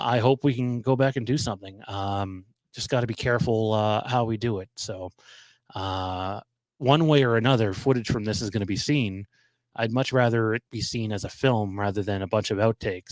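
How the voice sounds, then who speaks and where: Hoarse, nasal man with a cold. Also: lowish voice, no room sound. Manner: halting, many ums and restarts. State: losing his voice. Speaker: livestream host. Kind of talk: casual live-stream chat.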